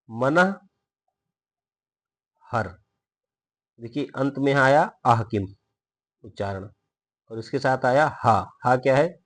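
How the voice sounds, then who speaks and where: A man giving a grammar lesson at an unhurried, deliberate pace. He works through each rule methodically, asks questions and then answers them, and stretches out example words to demonstrate their pronunciation. His voice sits at an ordinary middle pitch. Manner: slow, explains step by step and asks himself questions. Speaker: Hindi grammar teacher. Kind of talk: recorded video lesson.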